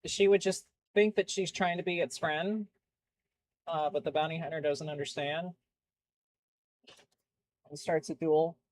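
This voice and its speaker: A woman making props, chatting casually as she paints at her home workshop desk and slipping into high baby talk with her dogs. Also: steady tone, measured pace, long pauses, a little mellow. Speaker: prop maker. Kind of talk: casual chat while painting. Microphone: phone used as webcam.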